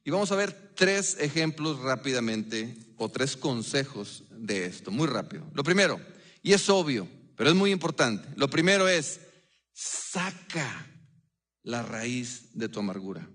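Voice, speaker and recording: A man preaching a sermon as pastor, earnest and conversational, often pausing and dropping into a hush. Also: mid-range voice, very animated. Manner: earnest, conversational preaching with frequent pauses and sudden hushed drops.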